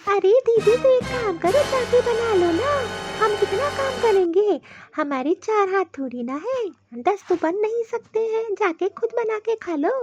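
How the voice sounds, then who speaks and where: A woman voicing an overworked young daughter-in-law in a cartoon, exasperated and quick to talk back. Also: very high voice, lively intonation, loud music behind the voice. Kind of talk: cartoon voice acting.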